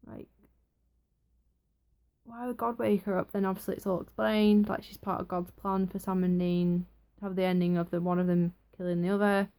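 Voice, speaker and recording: Young woman, casual reviewer, chatty and excitable. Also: medium pitch, normal speed. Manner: chatty, excitable, acts out quotes. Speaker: TV episode reviewer.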